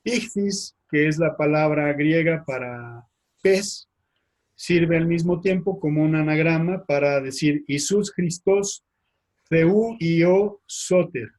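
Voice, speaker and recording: A man, a priest with a Mexican Spanish accent, giving a slide lecture, speaking haltingly with frequent fillers and tag questions. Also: on the high side. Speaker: priest teaching.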